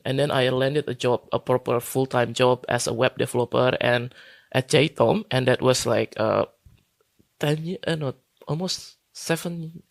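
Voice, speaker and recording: A man's voice: mid-range voice, vocal fry, dry recording. A man in his thirties from Indonesia, speaking as a guest on a remote interview, hesitant, with many fillers and restarts. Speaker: guest consultant. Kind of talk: casual interview talk.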